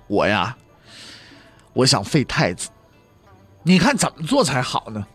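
A male storyteller voicing a stubborn, angry emperor with a commanding, drawn-out delivery. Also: medium pitch, huge pitch swings, husky, faint music behind, voice pushed down, full character voice. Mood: scheming.

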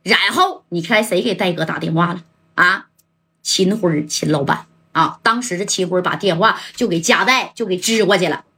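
Woman storyteller, chatty and colloquial, with a bright, husky voice. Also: on the low side, moderate pace. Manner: lively, chatty, asks listeners rhetorical questions.

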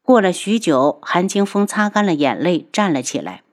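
A woman's voice: fairly low pitch, normal speed. Woman narrating a web novel audiobook. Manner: steady storytelling reading.

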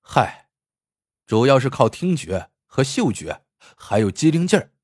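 A man voicing a clever blind man in a storybook tale, speaking in a calm, wry, husky way. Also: medium pitch, a little slow, dry recording, studio quality.

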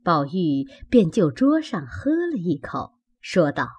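A woman reading a classic novel aloud as audiobook narration, measured and expressive. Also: fairly low pitch, slightly rough. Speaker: audiobook reader.

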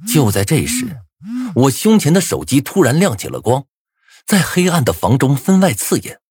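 Husky dramatic male audiobook narrator. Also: mid-range voice, normal speed, dry recording. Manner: dramatic, expressive. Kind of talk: dramatic first-person novel narration.

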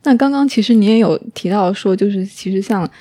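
A woman wearing clear braces, interviewing casually in wordy, filler-heavy, hesitant phrasing. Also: medium pitch, fairly quick, warm tone.

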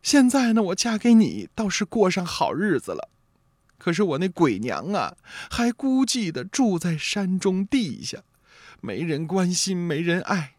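A man voicing a young fox-spirit bride in a traditional story, speaking in a soft, pleading falsetto. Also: very animated, a little slow, dry recording, studio quality, heavily acted. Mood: tearful pleading.

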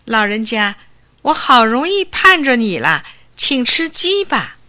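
A woman's voice: fairly high pitch, very animated, a little slow, pushed and bright, voice pushed up, exaggerated voice. A woman voicing a young male chicken thief who whines and pleads in a fearful voice. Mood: begging.

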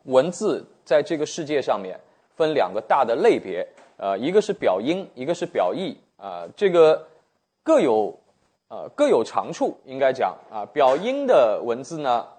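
Man, teacher, lecture, filler words, husky, animated pitch. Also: normal speed. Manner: lively, frequent "啊" and "呃" fillers. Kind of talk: spoken lecture.

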